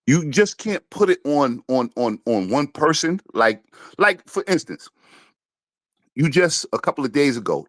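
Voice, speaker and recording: A man's voice: mid-range voice, no echo, studio quality. A man with a Brooklyn accent, a caller speaking in an informal, streetwise and insistent way in a casual debate. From Brooklyn, New York, USA. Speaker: caller to a talk show.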